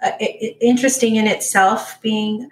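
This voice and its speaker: A woman in her forties from Orange County, co-hosting a podcast, telling stories in a halting, reflective casual chat. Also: on the high side, fairly even intonation. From Orange County, California. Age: 40s. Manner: reflective storytelling, halting with fillers. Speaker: podcast co-host. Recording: roomy echo.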